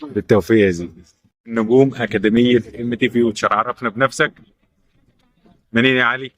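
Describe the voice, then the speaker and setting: A man's voice: medium pitch, steady tone, fast, fairly bright tone. A man with an Egyptian accent interviewing young players, firing short questions and repeating their answers back. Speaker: interviewer at a youth football academy. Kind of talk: rapid-fire question interview.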